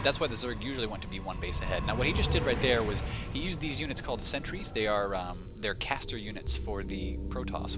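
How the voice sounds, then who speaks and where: A man with a medium-pitched voice casts a strategy game match for beginners, explaining patiently and using lots of fillers. His home microphone occasionally distorts his voice into a robotic sound, and loud game music and battle noises play in the background.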